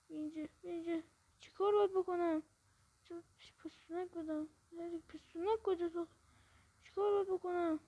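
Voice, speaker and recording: Jumpy high-voiced woman gaming. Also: warm tone. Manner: jumpy, panicky, repeats questions to herself. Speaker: gameplay video host. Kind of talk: casual horror game commentary. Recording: muffled lo-fi recording.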